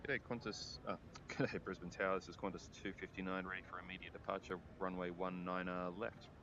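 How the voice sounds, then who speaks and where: A man's voice: low voice, fairly quick. A man making clipped airline-pilot radio calls into a cockpit headset microphone. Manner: clipped radio phrasing, relaxed between calls. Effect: pilot speaking into a cockpit headset mic. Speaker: flight simulator pilot. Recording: muffled headset mic with steady background hum.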